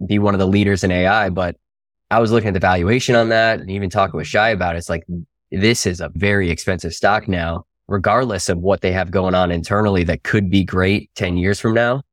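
A man with a very low voice lays out his trading reasoning in a measured, easygoing way. The sound is dry and close to the mic. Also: fairly even intonation, no echo. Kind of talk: casual investing discussion.

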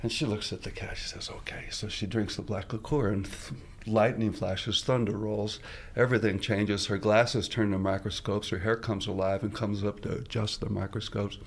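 A man's voice: on the low side, steady tone, normal speed, slightly rough. A man guesting in a radio studio, telling a rambling story casually, full of fillers, restarts and small laughs. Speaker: guest musician.

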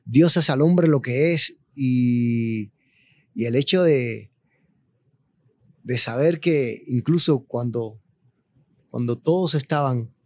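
A man, a guest telling his story with animated, slangy chat. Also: mid-range voice, slow, pauses often, no room sound. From Cuba. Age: 40s. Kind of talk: casual interview chat.

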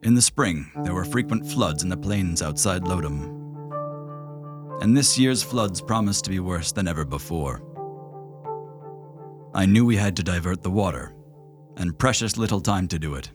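A man doing a distant memory voice, remorseful old leader, deep and slow, grave, reflective. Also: animated, over music. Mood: somber. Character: remorseful male leader recalling a past decision. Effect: distant memory voice drawing closer. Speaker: game master.

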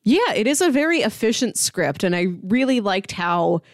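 A woman co-hosts a casual film discussion podcast, talking through movies conversationally. Her medium-pitched voice swings widely in pitch at a moderate pace, captured in a dry, studio-quality recording.

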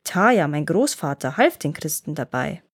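A wise old gnome grandfather, read by a woman, recounts the old days at an even, unhurried pace. The voice stays close to a plain reading voice, calm and measured. It sounds like a storybook told aloud. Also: low voice, slightly rough, heavily acted. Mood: telling.

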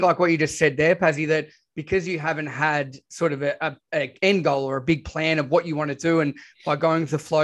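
A man hosting a podcast interview, upbeat, enthusiastic and chatty. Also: a little high. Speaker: podcast host.

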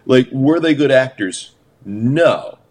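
A man co-hosting a podcast, telling stories in a casual, profane, animated way. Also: medium pitch, slow. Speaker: podcast co-host. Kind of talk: casual chat.

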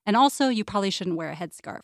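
A woman's voice: medium pitch, animated, quick pace, dry recording, clean studio sound. A woman, a radio guest speaking in a thoughtful, conversational way. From United States. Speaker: guest, series producer. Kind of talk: radio interview discussion.

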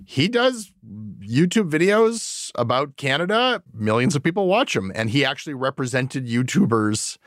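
A man's voice: mid-range voice, very animated, normal speed, a bit bright, no room sound, clean studio sound. A man hosting a podcast, talking casually and rambling with lots of fillers. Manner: rambling, chatty, many fillers. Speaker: podcast host. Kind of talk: casual chat.

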